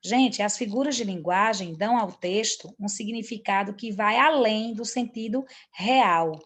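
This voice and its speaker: A woman's voice: mid-range voice, a little slow, fairly bright tone. A woman teacher giving an online grammar lesson, with many fillers and restarts and a habit of checking in with her students.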